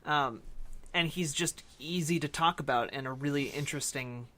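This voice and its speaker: Casually chatting about movies as a podcast co-host, a man with a fairly high, very bright voice hesitates and drifts. He hedges often, working out his ideas as he speaks.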